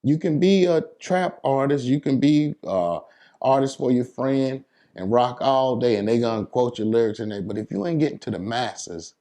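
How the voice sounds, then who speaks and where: A mellow, animated man from New York City, a DJ in a casual interview, hands out emphatic advice in loose, slangy talk. His voice sits in the mid range and he keeps a moderate pace.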